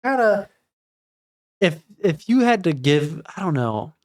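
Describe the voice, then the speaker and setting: A man's voice: sits high, very animated, takes it slowly. A man in his thirties co-hosting a casual music review chat, laid-back and rambling with fillers. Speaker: podcast co-host.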